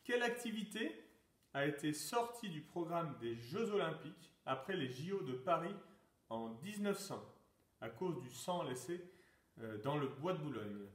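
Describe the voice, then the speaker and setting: A man's voice: fairly high pitch, sing-song, measured pace. Man hosting a sports quiz in an echoey room. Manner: announcing questions, calling out "top!" to start exercises. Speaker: sports teacher. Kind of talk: lockdown quiz and exercise session. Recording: echoey room, mic far off.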